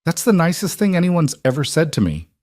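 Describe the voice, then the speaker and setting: A man voicing a gentle adult woman who hides her wealth, speaking softly and earnestly in a storybook reading. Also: on the high side, huge pitch swings, brisk, no echo, studio quality, pitched above the performer's own voice. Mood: tender.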